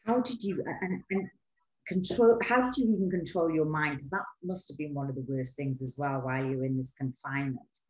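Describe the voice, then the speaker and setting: A woman with a notably low voice hosts an interview, asking probing, searching questions. She restarts as she finds her words. Her voice rings in a roomy, echoey space. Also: fairly even intonation, brisk. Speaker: interview host. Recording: roomy echo.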